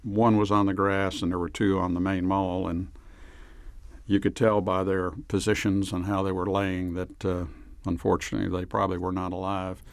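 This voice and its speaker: Brief: very deep, flat male witness, measured and somber, dry close sound. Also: dry recording. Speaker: eyewitness interviewee. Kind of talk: documentary interview.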